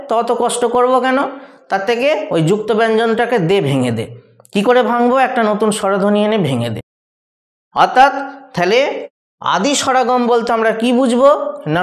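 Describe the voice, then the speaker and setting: Patient male teacher in echoey room. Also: very high voice. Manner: patient, repeats examples slowly and asks rhetorical questions. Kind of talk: classroom grammar lesson.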